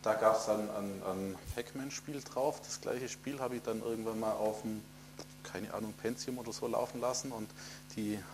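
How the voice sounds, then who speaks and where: A man's voice: fairly low pitch, fairly even intonation, normal speed, roomy sound, background noise. A man in his fifties chatting about old computers, eager and stumbling over his words. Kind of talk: casual retro computing chat.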